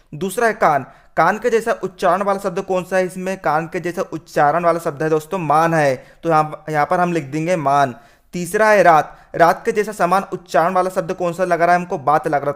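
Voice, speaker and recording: A man's voice: on the high side, smooth. A male teacher working through a worksheet lesson. He keeps saying "theek hai" and calls the students "friends.". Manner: repeats "theek hai", addresses "doston".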